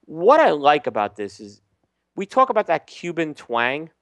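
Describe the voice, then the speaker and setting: With a slightly high voice at normal speed, this podcast co-host chats casually about cigars he is reviewing. He sounds at ease, often saying um and starting over, in a recording free of echo.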